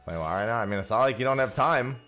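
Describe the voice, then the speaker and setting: A man races through his words while gaming on stream, chatting and thanking viewers over a headset mic. His mid-range voice is expressive, bright, and forceful, and soft music plays behind him.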